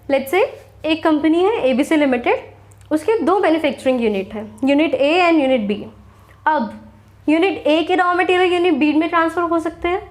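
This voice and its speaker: High-voiced teacher with an Indian accent. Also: female voice. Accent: Indian English. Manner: explains slowly, poses questions and answers them. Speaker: accounting teacher. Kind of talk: classroom lecture.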